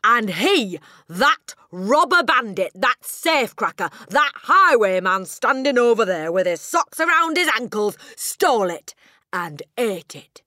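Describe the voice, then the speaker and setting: A tyrannical storybook headmistress. She is theatrical and menacing, with wide swings in pitch and drawn-out, barked emphasis. The recording is close and dry. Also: sing-song, no echo, exaggerated voice. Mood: outraged. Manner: booming, barking insults with drawn-out emphasis. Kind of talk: audiobook character acting.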